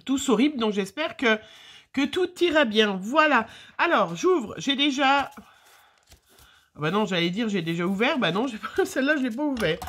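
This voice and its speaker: A middle-aged French scrapbooking vlogger with a slight cold opens her mail on camera, chatting casually and rambling with lots of fillers. Her voice is fairly high, expressive and fairly bright, with a breathy edge, at a normal speed.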